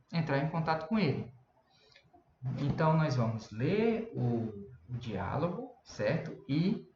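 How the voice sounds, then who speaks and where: A man's voice: on the high side, darkish tone. A Brazilian man teaching an English lesson in a chatty way, explaining in Portuguese and mixing in English words. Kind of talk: recorded online lesson. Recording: lo-fi roomy recording with faint hum.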